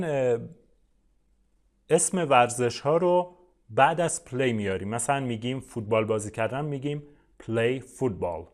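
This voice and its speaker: A man whose first language is Persian teaches English in an online lesson, voice at an ordinary pitch. He talks to his viewers in a friendly, explaining way, with frequent "uh"s. He says each English example slowly, then repeats it.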